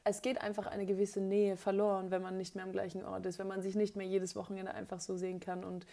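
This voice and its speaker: A woman musician gives a casual spoken introduction to her song. Her voice sits at an ordinary middle pitch. She talks in a reflective, personal way about what the song means to her. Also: monotone, fast, gravelly, dark tone. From Austria.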